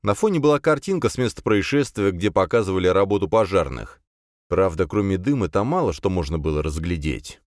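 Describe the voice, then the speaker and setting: A man narrating a fantasy audiobook in the first person with expressive, measured storytelling. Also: sits low, no room sound, clean studio sound.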